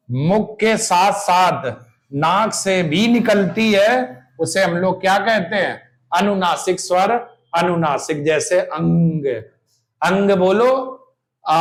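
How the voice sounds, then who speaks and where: A man teaching a Hindi grammar lesson for exam prep. He demonstrates vowel sounds, repeats the key terms, and keeps asking "clear?" before answering his own questions. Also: high-pitched, roomy sound. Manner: asks questions and answers them himself, checking "clear?".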